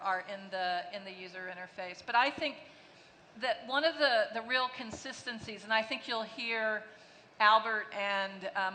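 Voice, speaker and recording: A woman executive answers panel questions at a conference, her mid-range voice sharp in tone. Though fluent, she frequently restarts and adds fillers, and the large hall lends long reverb plus faint background noise.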